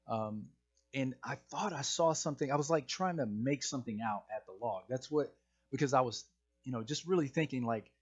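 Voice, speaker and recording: A man's voice: medium pitch, a little fast, breathy edge, muffled recording. Hesitant man telling a spooky story. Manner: hesitant, often restarts and repeats words. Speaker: channel host sharing his own encounters. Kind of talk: casual spoken storytelling.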